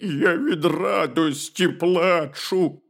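A storyteller voicing a gentle bear cub who weeps over the passing of autumn. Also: medium pitch, creaky, pitched above the performer's own voice, full character voice. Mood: tearful. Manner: slow, drawn-out, sobbing. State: weeping. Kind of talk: storybook reading.

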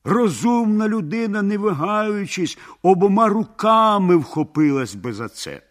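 A man's voice: high-pitched, sing-song, unhurried, voice pushed up. A man voicing a greedy, gullible merchant who talks with eager scorn. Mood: scornful.

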